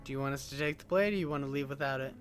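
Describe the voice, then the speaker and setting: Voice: mid-range voice, very fast. A gaming host giving casual, joking commentary while playing through a story game. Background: game music.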